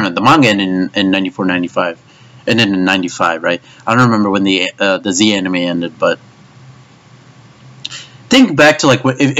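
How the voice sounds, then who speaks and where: His voice sits fairly low with a bit of brightness. He reviews an anime in an angry, profanity-laced rant, stumbling over words and saying things twice.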